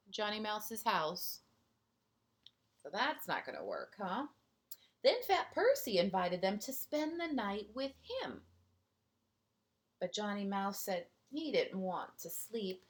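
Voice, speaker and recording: Reading a picture book to a group of young children, a teacher with a mid-range voice stops now and then for friendly asides and questions to them.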